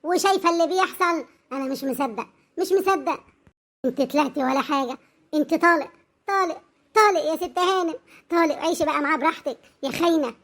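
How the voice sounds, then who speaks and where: A performer doing a shrill jealous husband. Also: quick pace, fairly bright tone. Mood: accusing. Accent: Egyptian. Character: jealous angry young husband, accusing and loud. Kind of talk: cartoon voice acting.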